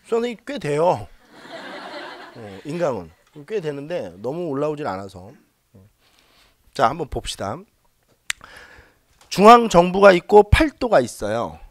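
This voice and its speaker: A man lectures a classroom of exam students, his somewhat high voice bouncing animatedly from point to point. He teases the class for forgetting basics, then has them chant lists back at him loudly. The sound is close and dry, with no room echo. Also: very animated, measured pace, long pauses. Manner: leads students in loud call-and-response drills; teasing, talks down to students jokingly. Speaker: civil service exam history lecturer.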